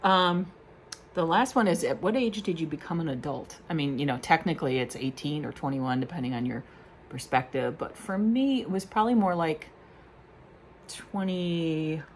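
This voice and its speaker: A beauty vlogger chats casually to camera from home, rambling through questions with plenty of fillers and self-deprecating asides. Her voice is deep and her pace moderate, with slight background noise.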